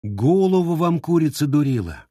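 A man's voice: on the high side, sing-song, moderate pace, dark tone, no echo, studio quality, voice pushed up. A man voicing a stern, weary young monster hunter who scolds and explains firmly.

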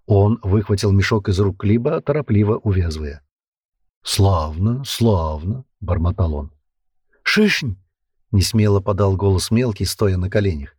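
A man reading an adventure story aloud in a steady, storytelling manner. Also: sits low, brisk, hardly any pauses, slightly rough, dry recording, studio quality. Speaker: narrator. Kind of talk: audiobook narration.

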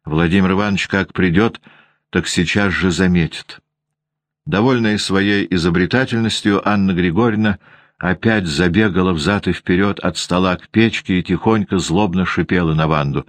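A man's voice: deep voice, normal speed, no room sound. A man narrating a classic story as an audiobook reader. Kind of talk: scripted narration.

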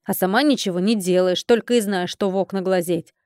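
Tasya, woman voicing a gruff innkeeper. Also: mid-range voice, brisk, darkish tone, no echo, clean studio sound, lightly acted. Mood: grumbling.

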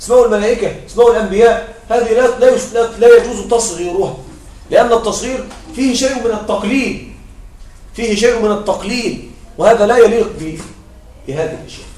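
A man teaches grammar to a class in a high, clear-pitched voice, often repeating himself and asking quick check-in questions. He is recorded from a distance, so the room's echo carries around his words. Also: darkish tone. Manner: repeats points and checks understanding with short questions. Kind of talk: classroom lecture. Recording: echoey room, mic far off.

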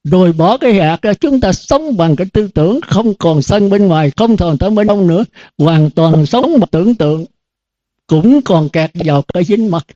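A man's voice: sits high, lively intonation, moderate pace, warm tone, dry recording. An older man, a Buddhist monk, giving a dharma talk to students in an earnest, repetitive cadence full of rhetorical questions. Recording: dull lo-fi dry recording.

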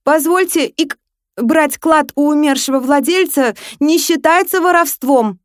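Woman doing a hiccupy crafty dwarf guy, high and loud, babbling excuses. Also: a little slow, no echo, studio quality. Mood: wheedling.

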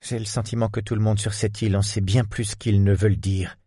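A man's voice: fairly low pitch, flat delivery, brisk, slightly rough, no room sound, studio quality. Man voicing an arrogant young woman. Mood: needling. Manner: sharp, familiar and needling.

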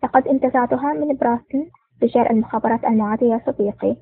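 A woman's voice: on the high side, rapid-fire, husky. A woman reading the lines of a cool, teasing male secret agent hero in a storybook. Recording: tinny phone-like dry recording.

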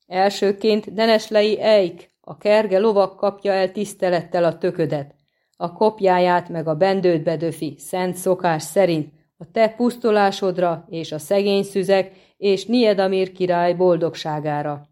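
A woman voicing a boastful, gruff male dwarf who shouts as a herald in a storybook reading. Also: on the low side, lightly acted. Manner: loud, bellowing, cocky.

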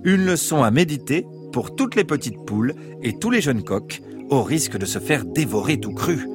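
Expressive male storyteller. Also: medium pitch, moderate pace, music in the background. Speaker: narrator. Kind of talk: children's bedtime story narration.

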